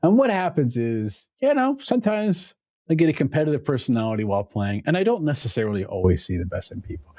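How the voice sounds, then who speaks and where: A man, a podcast guest, telling stories in a casual conversation with an animated, laughing manner. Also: mid-range voice, quick pace, no room sound, studio quality. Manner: animated storytelling, laughs often.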